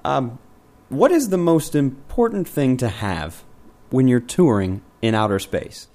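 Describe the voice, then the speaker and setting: A man hosting a comic mock interview, deadpan and sarcastic with casual slang. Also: medium pitch, measured pace. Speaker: interviewer and host.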